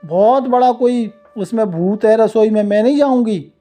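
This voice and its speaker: A man's voice: high-pitched, normal speed, warm tone, lightly acted. A male storyteller voicing a frightened young woman from a wealthy family in a devotional tale, with pleading, panicked cries.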